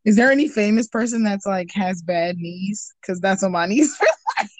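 A woman's voice: mid-range voice, normal speed, no room sound. A young woman co-hosting a casual chat, joking and laughing often. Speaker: podcast co-host.

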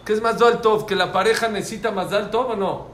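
A man's voice: high voice, a little fast, fairly bright tone. A man teaching a religious class to students, speaking emphatically, repeating key phrases and putting questions to the class. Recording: echoey room with faint background noise.

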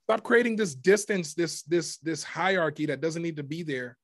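A man's voice: on the high side, expressive, moderate pace, no room sound, clean studio sound. A man in his twenties, a guest minister, talking about faith in an impassioned, preacherly way with plenty of emphasis. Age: 20s. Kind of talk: casual faith conversation.

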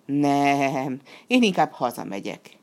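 A woman voicing a naive, eager wooden puppet boy in a storybook reading, talking in an excited, chirpy way. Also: very deep voice, exaggerated voice.

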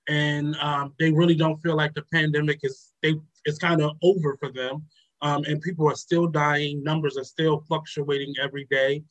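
A man's voice: fairly high pitch, rough recording. Hesitant male radio show host. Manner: hesitant, many ums and uhs. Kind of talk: casual reflective talk.

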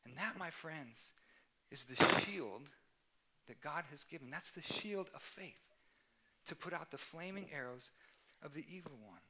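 A man's voice: a little high, animated, normal speed, bright, forceful tone. A young man giving an earnest sermon as youth pastor, stressing points by repeating them. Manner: earnest, emphatic, repeats key phrases. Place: church youth service.

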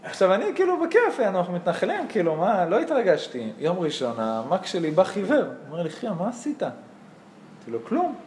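A young man giving a Torah lesson, telling army and rabbi stories with acted-out dialogue and frequent laughter. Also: sits high. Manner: animated, acts out dialogue, laughs often. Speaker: Torah teacher. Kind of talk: lively storytelling lesson. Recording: echoey room with faint noise.

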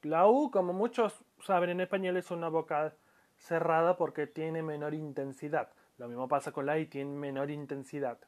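A man with a somewhat high-pitched voice teaches a spoken language lesson. He explains patiently and drags out example sounds, often restarting mid-phrase as he talks to his listeners. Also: darkish tone. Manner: explains slowly, stretching out example words, with frequent restarts; calls himself audio-lesson maker, addresses listeners.

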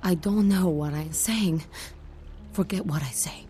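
An actress playing a cryptic, troubled seer in a video game, speaking halting, eerie prophecies in riddles. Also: female voice, on the low side, mellow, soft background music, lightly acted. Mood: weary, ominous. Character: cryptic, troubled young female seer telling dark fortunes. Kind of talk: dramatic video game acting. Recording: noisy, with background ambience.

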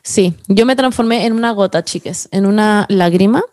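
A young woman with a Chilean accent, telling stories rapidly in a casual podcast chat, full of slang and stray English phrases. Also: medium pitch, a little mellow, dry recording, studio quality. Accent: Chilean Spanish. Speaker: podcast host.

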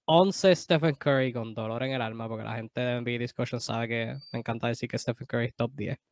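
A man co-hosts a casual sports podcast, firing off points in animated, quick bursts and fixing his own slips mid-sentence. His mid-pitched voice sits close to the mic, dry and free of room sound. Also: no room sound. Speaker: podcast co-host.

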